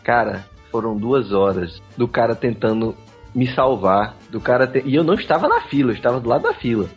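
A male co-host tells a story at his own expense in a dry, self-mocking way. His voice sits at an average pitch. The sound is muffled and lo-fi, with faint music. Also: lively intonation, brisk. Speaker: podcast co-host. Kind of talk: comic storytelling.

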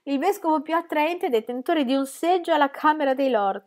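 A woman reading aloud and voicing a bold, teasing aristocratic duchess in a high, lifted voice. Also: fairly quick, darkish tone, lightly acted. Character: flirtatious, laughing aristocratic duchess, middle-aged woman.

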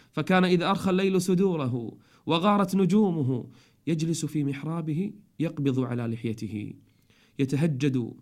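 A middle-aged man delivers a religious storytelling sermon in a fairly high, slightly mellow voice. His preaching is emotional, rising and falling as he goes.

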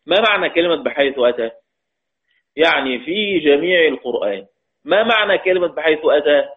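A man's voice: on the high side, expressive, fairly quick. A man teaching a religious lesson on Quran recitation rules, explaining step by step and asking his students questions. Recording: tinny phone-like audio.

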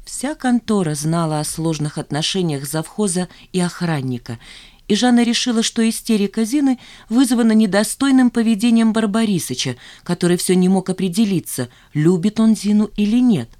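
A woman reading an audiobook narration in a calm, even manner. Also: mid-range voice, moderate pace, no echo, clean studio sound. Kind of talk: scripted narration.

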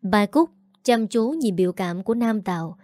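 A woman narrating a scripted audio story in a calm, steady manner. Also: mid-range voice, normal speed, no room sound, clean studio sound.

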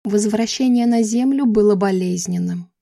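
A woman's voice: medium pitch, normal speed, vocal fry, mellow, no room sound, clean studio sound. A woman reading a first-person novel aloud, dramatically and with emotion. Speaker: audiobook narrator.

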